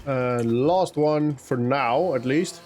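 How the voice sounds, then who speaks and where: In relaxed let's-play commentary, a gaming YouTuber who grew up speaking Afrikaans chats casually with himself over a farming game, rambling and chuckling as he goes. He talks at a slow pace in a mid-range, darkish voice, with slight background noise present.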